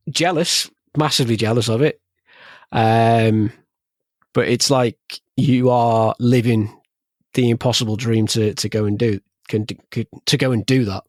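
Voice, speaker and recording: A man's voice: mid-range voice, steady tone, a little slow, long pauses, darkish tone, no echo, clean studio sound. A man hosting a podcast interview, chatty and joking, telling anecdotes. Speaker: podcast host. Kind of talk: casual interview chat.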